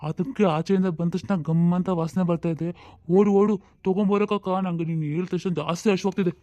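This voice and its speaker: A man's voice: high-pitched, fairly even intonation, quick pace, dark tone, no room sound, natural voice. A man voicing an earnest, hungry young brother who helps on the farm in a cartoon family drama. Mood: eager. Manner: eager, protesting. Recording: slightly dull lo-fi sound.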